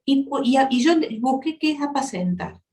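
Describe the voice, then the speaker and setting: A woman with a high, expressive, slightly mellow voice preaches at a normal speed as guest speaker at a women's church meeting. Her sermon carries passion and tenderness, with sudden shifts in volume, and it's recorded in an echoey hall.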